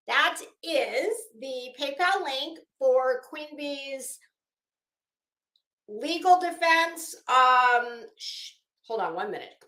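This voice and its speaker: With a slightly high, somewhat bright voice, a woman hosts a livestream, chatting casually in a rambling, theatrical way. She keeps stopping mid-thought and starting again, and the recording has an echoey room sound.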